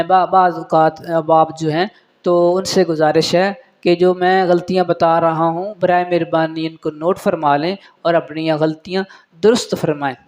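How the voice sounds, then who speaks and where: A man teaching how to recite prayer correctly, explaining mistakes and repeating each word to show the right sound, then chanting verses slowly. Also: on the high side.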